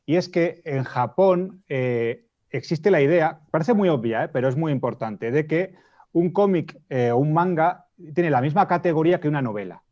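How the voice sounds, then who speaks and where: A man's voice: a little high, lively intonation, moderate pace, a little mellow. Spanish man on a lo-fi call. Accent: Spain. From Spain. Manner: explanatory, restates points, frequent hesitations. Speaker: debate panelist. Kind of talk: casual panel discussion. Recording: dull lo-fi audio.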